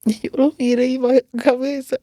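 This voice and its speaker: Woman, pastor, testimony in an interview, emotional storytelling, mellow tone, dry recording. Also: high voice, little pitch movement, fairly quick, no room sound. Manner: emotional storytelling, acts out quoted dialogue.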